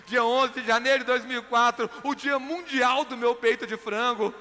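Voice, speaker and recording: A man, giving an emotional storytelling speech as a motivational speaker. He shifts from hushed to loud and fervent. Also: very high voice, steady tone, moderate pace, a little hiss or hum. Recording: music playing behind the voice.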